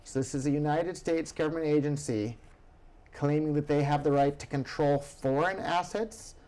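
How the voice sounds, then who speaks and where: Animated, opinionated male show host. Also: on the high side, normal speed. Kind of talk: casual news chat.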